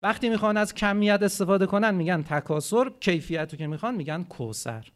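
Speaking to a congregation in a high-pitched voice, this animated preacher alternates booming emphasis with hushed asides. He regularly throws rhetorical questions at the audience during his religious talk.

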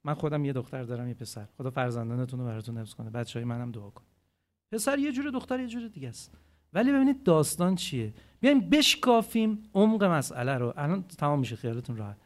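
A man giving a religious talk to a gathering, animated, swinging between loud emphatic phrases and quiet asides, and asking his listeners rhetorical questions. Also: medium pitch. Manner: asks the audience rhetorical questions. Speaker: preacher.

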